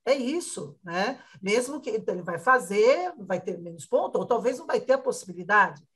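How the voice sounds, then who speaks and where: Woman from a school's staff, mid-pitched, talks through an answer with lots of fillers. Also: animated, normal speed, husky. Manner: hesitant, with many fillers. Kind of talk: conversational panel answer.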